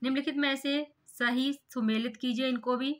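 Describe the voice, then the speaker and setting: A woman teacher works through an exam paper one question at a time. She explains every answer in steps and keeps asking rhetorical questions as she goes. Her voice sits a little high with a crisp, bright edge. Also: fairly even intonation, moderate pace. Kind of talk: exam paper walkthrough lesson.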